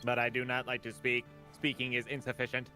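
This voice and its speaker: A man's voice: medium pitch, completely flat delivery, a little fast, sharp tone, soft background music. A man voicing a male bomb disposal specialist who talks in clipped, machine-like phrases, while playing a courtroom game. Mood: flat robotic. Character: robotic-talking male bomb disposal expert.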